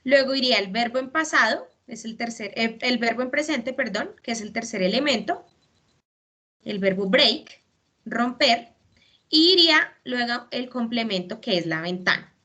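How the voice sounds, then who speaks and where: Bright-voiced woman teacher explaining patiently. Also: on the high side, expressive, normal speed. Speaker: English teacher. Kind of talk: online class explaining grammar.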